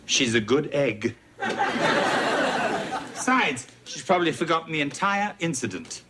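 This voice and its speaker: A middle-aged male housekeeper with a dry wit, his fairly high voice rising and falling a lot. It comes from noisy television sound with a studio audience laughing behind it. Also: sing-song, measured pace. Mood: wry. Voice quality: dry, wry delivery. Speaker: family housekeeper. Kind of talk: sitcom acting.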